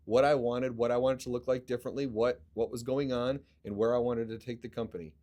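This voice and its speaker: A middle-aged man hosting a podcast, telling a personal story in a casual, animated way and often quoting what others told him. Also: medium pitch, brisk. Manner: animated storyteller, quotes others in lively bursts. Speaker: podcast host and business owner.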